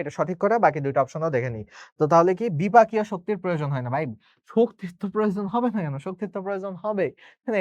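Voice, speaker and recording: Fast-talking young male tutor. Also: a little high, no room sound. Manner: fast, chatty, self-correcting. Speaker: teacher. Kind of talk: exam prep lesson.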